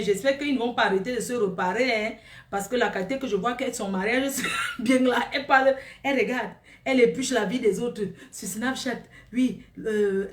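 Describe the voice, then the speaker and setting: A woman doing a comic monologue, gossiping and exclaiming in a lively, animated way. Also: a little high, roomy sound, recorded from a distance.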